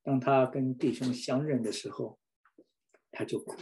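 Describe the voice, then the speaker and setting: A man's voice: medium pitch, steady tone, unhurried, dark tone, a little hiss or hum. Fervent man preaching a sermon. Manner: fervent, repeats phrases for emphasis.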